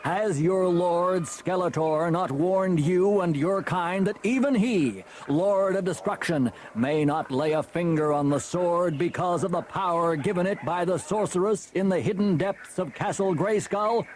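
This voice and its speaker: A righteous warrior hero acted out by a man declaims sternly in a high, raised pitch for a fantasy storybook tale. There is faint noise behind the voice. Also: a little slow, few pauses, a little mellow. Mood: stern rebuke. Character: mighty male hero warrior, righteous and scornful of evil. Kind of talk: dramatised children's fantasy storybook reading.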